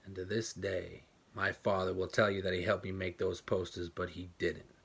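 Deep-voiced grown man, guarded and bitter, as played by an actor; clipped, quiet monologue with a tense edge. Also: flat delivery, normal speed, creaky, husky, heavily acted. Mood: subdued. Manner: clipped, quiet, plainspoken recollection. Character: grown man, guarded and bitter, recalling his mother leaving. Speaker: actor performing a film monologue. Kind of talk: stage monologue, told to a listener. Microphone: home webcam for an online event.

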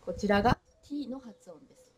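A woman giving a short French pronunciation lesson, modelling sounds slowly and repeating them with lively emphasis. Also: fairly high pitch, background noise. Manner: lively, drawn-out pronunciation demos. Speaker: French teacher.

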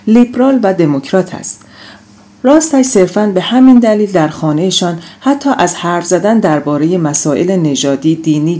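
Woman, audiobook narration, measured, mellow, dark tone. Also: fairly low pitch. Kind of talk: scripted narration.

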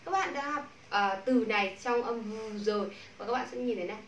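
A woman with a Vietnamese accent teaching English pronunciation to a class, modeling sounds slowly and repeating drills. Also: a little high, distant mic. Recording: echoey room, from the mic, faint noise.

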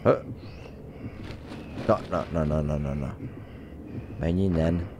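A man giving joking let's-play commentary as a game streamer, excitably yelling at his character. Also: extremely low pitch, background noise.

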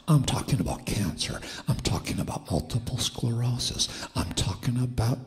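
A man's voice: mid-range voice, animated, normal speed. A man preaching a sermon in a church sanctuary with an impaired, whispery voice, building to emphatic fervor. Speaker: guest preacher.

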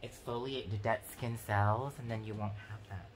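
A woman's voice: extremely low pitch, fairly even intonation, moderate pace, poor audio. A woman working as a waxing technician, chatting casually and giving a client advice. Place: indoor treatment room. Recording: clear background noise.

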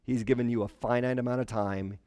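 A man's voice: medium pitch, fairly even intonation, brisk, a little mellow, dry recording, clean studio sound. A man in his forties preaching a conversational sermon, animating stories by acting out the voices of people he quotes. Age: 40s. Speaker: pastor. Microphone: headset mic.

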